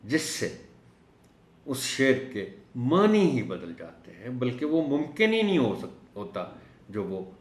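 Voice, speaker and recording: A man teaching a recorded lesson for teachers, explaining words slowly and drawing out the key ones. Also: mid-range voice, very animated, echoey room. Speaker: teacher trainer.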